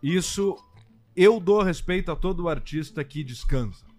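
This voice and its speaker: A man with a slightly high voice chats on a comedy podcast. He sends shout-outs and drops wry asides. Faint music runs underneath. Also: animated, unhurried. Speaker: podcast co-host. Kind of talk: casual comedic chat.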